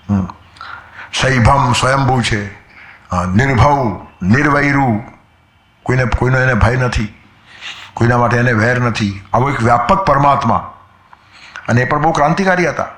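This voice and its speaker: A spiritual speaker gives a storytelling-style discourse, quoting old verses and sometimes acting out the voices of people in his anecdotes. His middle-pitched voice has a fairly bright tone and a roomy echo.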